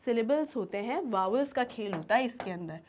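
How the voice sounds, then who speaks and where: A woman's voice: a little high, lively intonation, fairly quick, darkish tone, slight background noise. A woman teacher giving a grammar lesson, asking her students questions and answering them herself.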